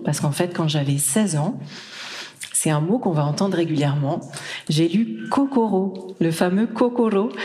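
A woman's voice: on the low side, a little mellow. Chatty woman speaking at a conference. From Brittany, France. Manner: chatty, with many fillers and restarts. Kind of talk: live conference talk. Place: conference hall.

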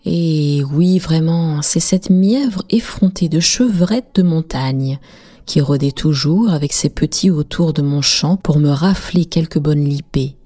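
A woman's voice: sits low, unhurried, warm tone, faint music behind. A woman voicing a bold, courteous young peasant boy in a storybook tale, speaking formally and gallantly. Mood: teasing.

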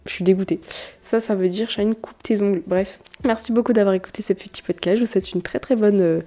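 A woman's voice: mid-range voice, steady tone, fairly quick, mellow. A young woman hosting her own podcast, chatting casually and correcting herself often as she rambles. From France. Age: about 19. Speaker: podcast host. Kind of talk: casual solo podcast chat.

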